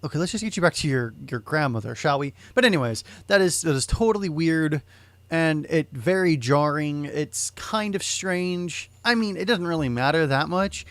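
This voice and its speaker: A man's voice: a little high, animated, normal speed, a bit bright, no echo. A man hosting a let's play, giving casual gameplay commentary with a blunt manner, swearing and exclaiming.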